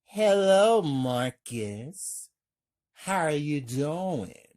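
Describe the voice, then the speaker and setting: A woman's voice: deep voice, big pitch swings, drawn-out words, darkish tone, voice pushed up, full character voice. A woman voicing an obsessed, evil female stalker calling on the phone, seductive and menacing.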